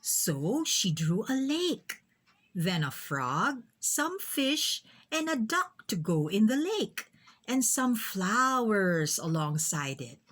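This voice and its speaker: A woman with a mid-range voice reads a children's picture book aloud, telling the story in an expressive, deliberate way.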